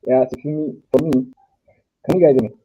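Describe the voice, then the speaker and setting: This young African man, a panel guest, speaks earnestly through a headset mic on a remote call, and clipping distortion makes his audio fuzzy. His voice is a little high, steady, dark and slightly rough. He talks haltingly and repeats his words.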